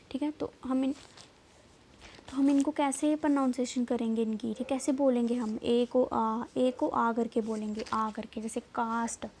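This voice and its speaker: Woman teaching, mellow voice. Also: on the high side, slight background noise. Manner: repeats "theek hai" often, slow and drawn-out when spelling letters. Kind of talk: classroom lesson.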